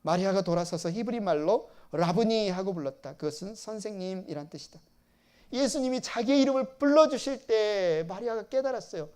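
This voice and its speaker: A male pastor preaching a sermon. He repeats phrases, asks the congregation questions and acts out quoted lines with sudden bursts of loudness. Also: high voice, lively intonation, brisk, clean tone.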